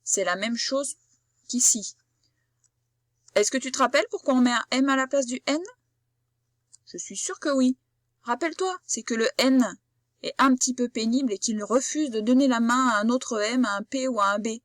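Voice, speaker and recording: A woman's voice: on the high side, no echo, clean studio sound. A woman giving a patient phonics lesson to a child, sounding out each word with care. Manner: slow, patient, carefully articulated explanation. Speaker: primary school teacher.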